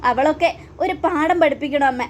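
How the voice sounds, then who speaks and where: A woman's voice: sits high, a little fast, a little hiss or hum, voice pushed up, natural voice. A woman voicing an arrogant, hot-tempered young woman who talks scornfully and makes threats.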